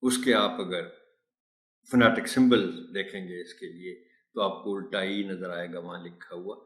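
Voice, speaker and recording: A man giving a pronunciation lesson to teachers, speaking slowly and deliberately and repeating example words with careful stress. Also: deep voice, fairly even intonation, a bit bright. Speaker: teacher trainer. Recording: roomy echo.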